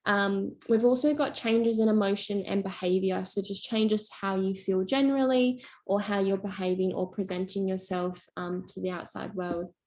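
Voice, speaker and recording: A woman's voice: medium pitch, steady tone, normal speed, few pauses, darkish tone. Young woman presenting a mental health workshop. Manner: encouraging, uses fillers.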